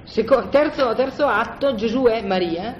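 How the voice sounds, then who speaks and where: Walking a group through a scripture passage, this Bible study teacher speaks at a moderate pace in a mid-range voice, conversational and animated. He keeps checking in with "no?" and restarts his sentences. The room sounds roomy and the lo-fi recording is dull, with faint ambience plus a little hiss or hum.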